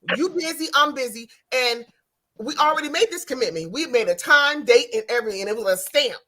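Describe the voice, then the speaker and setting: A woman's voice: sits high, lively intonation, a little fast, sharp tone. A woman co-host in a casual group chat, insistently repeating herself to press a point. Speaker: podcast co-host.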